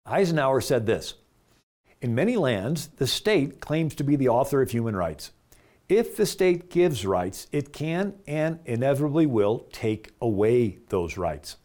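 A man's voice: medium pitch, sing-song, a little slow, darkish tone. A man narrating as host, earnest and explanatory, dropping his voice at the ends of phrases.

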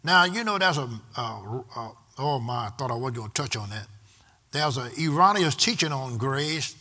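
A man's voice: medium pitch, animated, normal speed, bright, forceful tone. A man preaching a sermon, in rhythmic repeated refrains that build in intensity. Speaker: pastor.

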